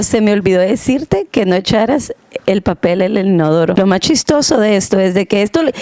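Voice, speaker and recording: A woman's voice: medium pitch, a little mellow, no echo. A young adult woman, co-host of a home podcast, telling a casual story and switching between Spanish and English mid-sentence. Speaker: podcast co-host, pastor's wife. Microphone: home podcast mic.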